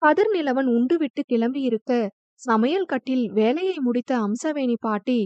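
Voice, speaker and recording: A woman narrating a romance novel as an audiobook in an even storytelling delivery. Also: sits high, moderate pace, dry recording. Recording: dull lo-fi dry recording.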